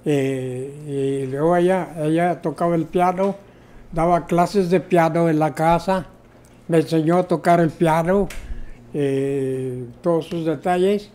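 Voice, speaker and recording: A man's voice: a little high, steady tone, slow pace, mellow. Older man telling a hesitant testimony. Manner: storytelling, hesitant with repeated fillers. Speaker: interview guest, former co-pastor. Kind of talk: personal testimony.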